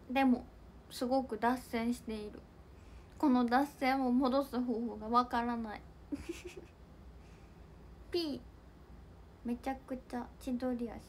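A young woman chats with her viewers on a livestream, reacting to their comments with giggles. Her voice sits high and lively. A faint noise hums under the home mic. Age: young adult. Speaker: idol livestream host. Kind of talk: casual livestream chat reading comments.

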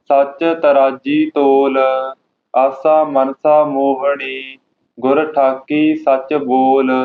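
A man recites scripture in a very slow, flat chant, one line at a time. His voice has a middle pitch. The sound is tinny, like a phone line. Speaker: student reciter.

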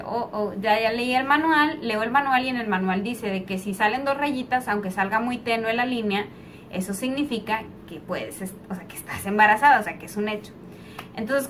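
A woman's voice: fairly high pitch, a bit bright, slight background noise. A young woman with a Mexican accent tells a rambling, chatty story-time vlog, full of fillers, recorded on a slightly distant mic. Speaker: vlogger. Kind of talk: casual story-time monologue.

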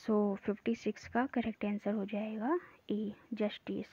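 A woman teacher going through exam practice questions, reading each English question slowly and explaining the answers in quicker Hindi. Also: medium pitch, level tone, dark tone, breathy edge. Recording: dry, narrow phone-like sound.

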